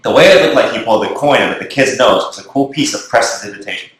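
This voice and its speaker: A man's voice: mid-range voice, quick pace, fairly bright tone. A man reading the morning announcements, heard over a school intercom. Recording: echoey intercom speaker.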